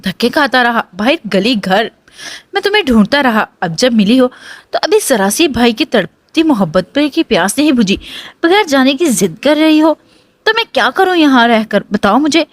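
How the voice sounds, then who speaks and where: A woman's voice: high-pitched, animated, no room sound. A woman voicing a grief-stricken young man, a loving brother who pleads tearfully in anguished outbursts.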